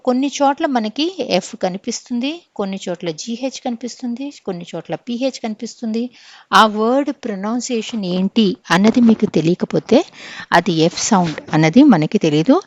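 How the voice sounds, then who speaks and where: A woman teacher with a Telugu accent runs an English phonetics lesson for exam preparation. Her pitch sits in an ordinary middle range, and the recording is dry and close, with no room sound. She explains patiently, keeps asking "okay?", and spells words out slowly. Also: a little mellow, no room sound, muffled recording. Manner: explains step by step, checks in with frequent "okay?".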